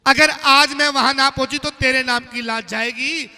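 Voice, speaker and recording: A man's voice: very high-pitched, fairly even intonation, normal speed, pushed and bright, long reverb tail, exaggerated voice. A man voicing a devout young queen who pleads earnestly in prayer. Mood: pleading.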